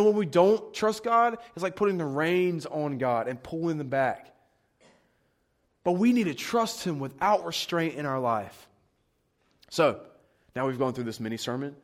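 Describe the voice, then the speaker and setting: A man's voice: fairly high pitch, expressive, normal speed. Earnest young man giving a casual Bible talk. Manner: earnest, conversational, encouraging. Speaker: Bible teacher. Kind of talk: casual devotional teaching.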